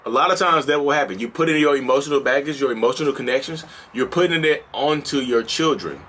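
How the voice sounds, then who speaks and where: A man's voice: medium pitch, fast talker, fairly bright tone. A man in his thirties hosting a vlog, talking casually and building into passionate, repeated rhetorical questions. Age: 30s. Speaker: host.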